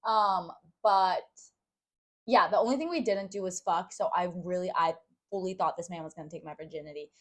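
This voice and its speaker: A woman's voice: fairly low pitch, a little fast. A young woman co-hosting a podcast, telling a story in rambling casual chat with lots of fillers. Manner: rambling, filler-heavy, with frequent "like". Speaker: podcast co-host.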